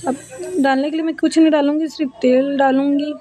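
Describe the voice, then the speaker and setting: A woman's voice: sits high, level tone, brisk, warm tone, faint music behind. A woman in her thirties narrating a casual home vlog, chatting with viewers as friends while she cooks and her family plays. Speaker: family vlogger.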